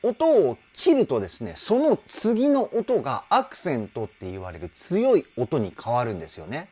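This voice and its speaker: Animated male vocal coach, very lively pitch. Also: normal speed, slightly rough. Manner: animated, enthusiastic explaining. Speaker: vocal trainer. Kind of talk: reaction and vocal analysis commentary.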